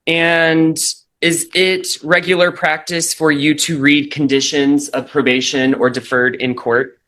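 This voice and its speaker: A man's voice: fairly high pitch, little pitch movement, bright, forceful tone. A man speaking as a prosecutor, reading charges formally and questioning a witness, heard on a courtroom recording. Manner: formal, measured legal phrasing.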